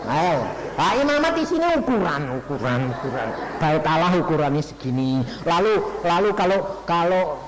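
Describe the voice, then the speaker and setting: A man's voice: high-pitched, noisy background. A middle-aged man with a Javanese accent, an evangelist preaching a sermon who tells stories and acts out conversations while addressing his listeners directly. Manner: animated storytelling, acts out dialogues, addresses audience as "saudara".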